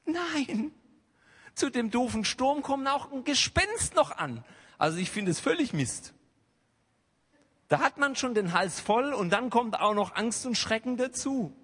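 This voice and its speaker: A man preaching a sermon in a church hall, swinging between hushed asides and loud, emphatic outbursts. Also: high-pitched. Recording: long hall reverb.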